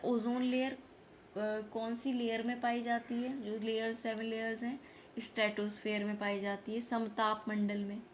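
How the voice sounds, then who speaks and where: Lady teacher blasting through revision questions, says every answer twice, bit of low noise behind her. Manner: repeats each answer, mixes Hindi with English terms. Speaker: exam prep teacher. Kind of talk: fast quiz-style revision lesson.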